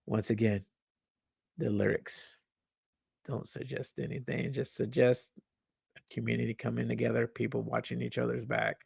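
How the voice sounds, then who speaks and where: A man's voice: mid-range voice, level tone, moderate pace, creaky, long pauses, darkish tone, slightly rough, no echo, studio quality. A young man hosting a podcast, reading news aloud and ranting about it, stumbling over words, repeating himself and swearing as he gets heated. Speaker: podcast host.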